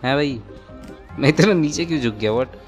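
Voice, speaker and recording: A young man commentating his gameplay in a joking, excitable way, often laughing. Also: mid-range voice, moderate pace. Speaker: gamer. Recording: game music in background.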